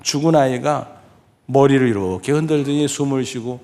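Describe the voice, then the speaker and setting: A middle-aged man preaching a sermon as pastor. He asks the congregation questions and acts out the voices he quotes. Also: normal speed. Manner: lively preaching, speaking directly to the congregation with questions; acts out quoted voices with sudden pitch jumps.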